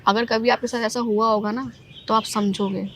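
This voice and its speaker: A young woman, a podcast guest, telling a personal ghost story in an animated, emphatic way. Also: on the high side, moderate pace, a little hiss or hum.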